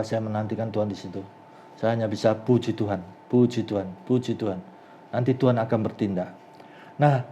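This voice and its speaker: Middle-aged male pastor, earnest sermon delivery, mellow low-lit timbre, bursts upward on warnings. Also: highs cut off. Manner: earnest, rises sharply when stressing anger and danger.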